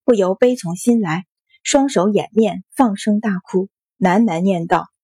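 A woman narrating an audiobook of a period novel in a steady storytelling manner. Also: medium pitch, a little slow, husky, no echo.

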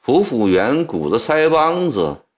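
Slow, expressive male storyteller. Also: medium pitch. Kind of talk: historical storytelling narration.

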